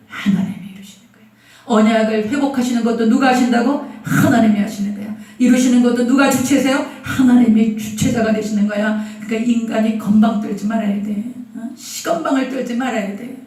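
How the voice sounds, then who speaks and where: High-voiced woman pastor preaching in an echoey hall. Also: a little fast. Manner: animated, colloquial preaching with call-and-response. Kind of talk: sermon. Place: church sanctuary. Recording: echoey hall, mic from far off.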